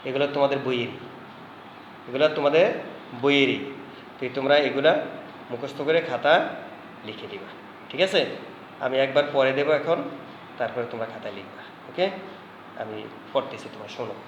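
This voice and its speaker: A man with a Bangladeshi Bengali accent teaching a home lesson, dictating word lists slowly and repeating them for students. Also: mid-range voice, dull audio, a little hiss or hum. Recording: echoey room with faint ambience.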